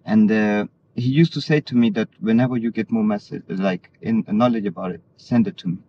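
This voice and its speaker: With a lowish voice and a fairly quick pace, a Danish interview guest engages in earnest religious talk. The audio is muffled and lo-fi, and background noise comes through clearly.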